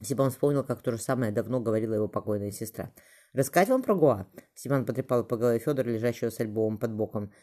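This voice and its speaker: A narrator reading a historical novel as an audiobook, brisk and even with small slips. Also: medium pitch.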